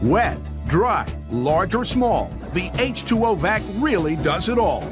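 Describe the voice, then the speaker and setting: Guy doing home shopping host pitch, high lively voice, urgent, music under it. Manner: emphatic, urgent selling. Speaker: infomercial announcer.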